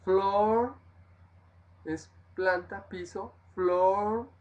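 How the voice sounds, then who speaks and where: Very slow-spoken man teaching vocabulary. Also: high-pitched, fairly even intonation, dull audio. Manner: slow, repeats each word, switches between languages. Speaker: English teacher. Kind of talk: vocabulary lesson, livestream.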